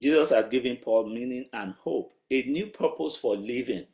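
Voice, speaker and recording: A man's voice: mid-range voice, moderate pace, darkish tone. A man preaching a sermon in a conversational, emphatic way, asking rhetorical questions. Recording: roomy echo.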